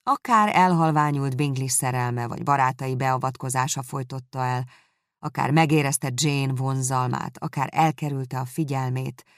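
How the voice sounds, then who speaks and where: A woman reading a novel aloud as narrator, calm and measured, close to the mic. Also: rumbling low, dry recording. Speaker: audiobook reader. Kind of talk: scripted narration.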